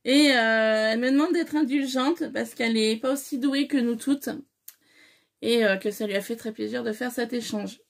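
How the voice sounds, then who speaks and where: A woman's voice: a little high, moderate pace, creaky. A woman chatting casually to camera as she unpacks a parcel, effusive and full of hesitant fillers. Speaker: scrapbooking vlogger. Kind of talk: casual unboxing chat.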